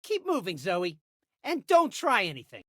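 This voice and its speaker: A man's voice: high-pitched, normal speed, no room sound, raised voice, clean studio sound, heavily acted. An actor playing an eager, lovesick, awkward young male bodyguard in a video game. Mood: officious. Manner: excitable, awkward, hammy. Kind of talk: animated video game character acting.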